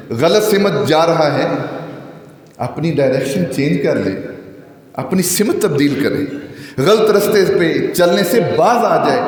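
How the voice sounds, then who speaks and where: A man giving a Friday sermon with great passion, his voice swinging widely in pitch and slowing down to recite scripture. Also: a little mellow. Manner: impassioned, with wide swings in pitch. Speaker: preacher. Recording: echoey hall with long reverb.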